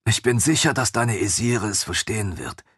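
A man reading an audiobook, voicing a young female companion who speaks softly in a hushed, breathy way. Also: on the low side, animated, moderate pace, dry recording, studio quality. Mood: reassuring. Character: young woman companion, awed and soft-spoken.

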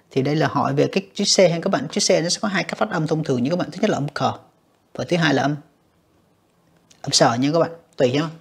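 A man walks students through an exam in a slightly husky voice, repeating himself and calling to the class often. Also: fairly high pitch. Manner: repetitive, addresses students directly with many fillers. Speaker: English teacher. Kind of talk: exam walkthrough lesson.

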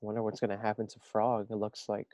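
A man teaching first graders, reading a picture book aloud and gently asking the children questions. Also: fairly low pitch, completely flat delivery, fast talker, dry recording. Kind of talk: read-aloud storytime.

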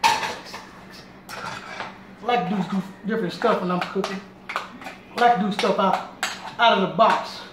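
A man's voice: sits high, steady tone, unhurried, long pauses. Middle-aged man, home cook hosting his own show, rambling and repetitive, fairly distant from the mic, noisy background. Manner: chatty, repeats himself while working; talks while moving around the kitchen. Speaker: home cooking show host. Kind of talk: casual cooking demonstration. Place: small home kitchen. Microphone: camera on tripod across the kitchen. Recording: roomy sound from a camera across the kitchen, noisy. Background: clatter of pots and dishes.

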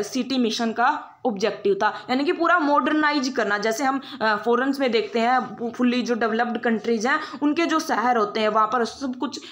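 A young woman with a Haryanvi Hindi accent gives an exam-prep lecture in a high, light voice. She explains patiently and restates each idea in simpler words. She often pauses on fillers and restarts her sentences as she goes. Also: a bit bright. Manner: explanatory, repeats herself, frequent fillers and restarts, mixes English terms. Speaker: teacher.

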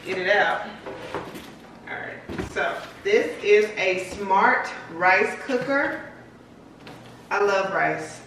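Slow, chatty young woman in an echoey house. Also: mid-range voice, noisy background. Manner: chatty, unhurried, listing items aloud. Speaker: home vlogger. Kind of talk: casual vlog narration. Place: large bare-walled house indoors. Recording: echoey room, mic at a distance.

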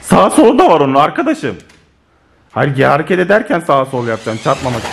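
A man filming a casual family vlog at home, talking excitedly and exclaiming to his viewers. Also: fairly high pitch, quick pace, vocal fry. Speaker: family vlogger. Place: home living room with a sofa. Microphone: handheld camera.

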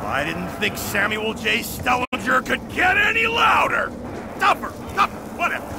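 An actor playing a frantic, jittery game survivor who yells in short bursts, heard as game audio. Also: male voice, expressive, normal speed, creaky, exaggerated voice. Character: frantic jittery man survivor, loud, nervous. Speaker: video game character. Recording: game audio under loud vehicle rumble.

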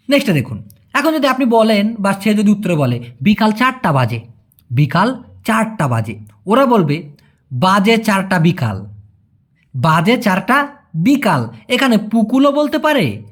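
A man teaching a video language lesson, explaining step by step and often quizzing the viewer. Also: high-pitched.

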